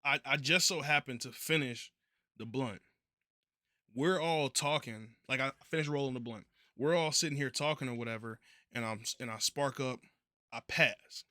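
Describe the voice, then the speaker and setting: A man's voice: mid-range voice, moderate pace, pushed and bright, dry recording, clean studio sound. A young man telling a story in a casual, laid-back way, full of profane slang.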